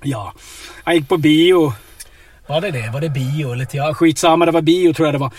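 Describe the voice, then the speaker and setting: A man telling absurd stories in a deadpan, rambling way inside a car, tagging his lines with questions. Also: fairly high pitch, breathy edge. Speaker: comedic storyteller. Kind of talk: deadpan absurd comedy chat.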